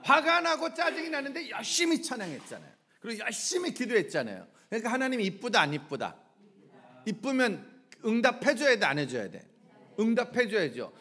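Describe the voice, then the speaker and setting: A man preaching a lively revival sermon as a guest preacher, quizzing the congregation with call-and-response questions and breaking into shouts. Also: high-pitched, breathy edge.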